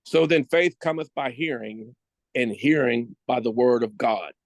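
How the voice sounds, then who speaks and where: A man reading scripture aloud in a solemn, measured way. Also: medium pitch, creaky, dry recording. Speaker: scripture reader.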